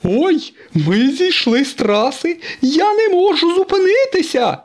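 A man voicing a cheerful, boastful male tow truck in a read-aloud storybook, shouting with excitement. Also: mid-range voice, unhurried, pitched above the performer's own voice. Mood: excited. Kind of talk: storybook reading.

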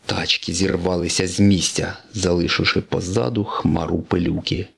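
A man's voice: sits low, fairly even intonation, normal speed, vocal fry, breathy edge. A man reading a children's storybook aloud, narrating expressively.

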